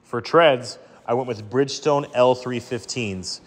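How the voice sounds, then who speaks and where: A man's voice: mid-range voice, a little slow, very noisy. Enthusiastic man narrating a truck build. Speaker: truck builder and channel host. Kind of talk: scripted voice-over narration.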